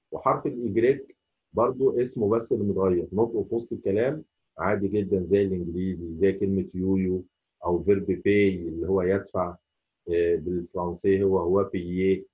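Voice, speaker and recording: A man with an Egyptian Arabic accent teaching a French lesson, saying each letter slowly and repeating it. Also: low-pitched, husky, phone-quality sound. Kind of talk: spoken language lesson.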